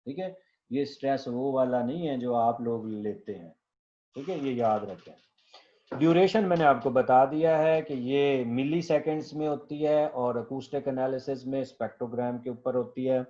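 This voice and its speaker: Middle-aged guy lecturing a class real slow, dictates definitions, warm low tone. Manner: slow, patient, keeps checking students understood. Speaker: professor teaching linguistics. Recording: dull lo-fi classroom recording.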